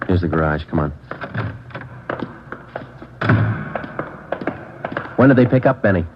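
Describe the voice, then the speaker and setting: Terse detective sergeant for vintage radio crime drama: very low, deadpan, clipped, on a dull old recording. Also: male voice, very fast, background noise. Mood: brisk, businesslike. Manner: clipped, matter-of-fact, deadpan. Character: terse, businesslike male police sergeant detective. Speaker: actor playing the detective lead and narrator.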